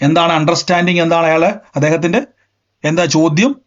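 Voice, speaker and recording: A man preaching a sermon, emphatic and repetitive, often rising in pitch and force. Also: fairly even intonation, fast talker, highs cut off. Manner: emphatic, repeats phrases, rises in pitch and volume. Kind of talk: Pentecostal sermon.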